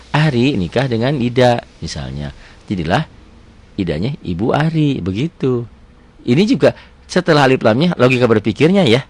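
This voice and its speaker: A man teaching Quran reading, patiently explaining step by step and slowly stretching out words to demonstrate recitation. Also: on the low side. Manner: patient, explains step by step, asks and answers his own questions. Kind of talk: teaching lesson.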